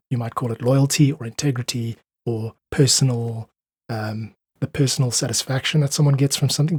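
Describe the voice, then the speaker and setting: A South African independent musician, guesting on a podcast, explains his ideas earnestly and articulately, leaning on analogies. His medium-pitched voice is darkish with a breathy edge, captured in a dry recording.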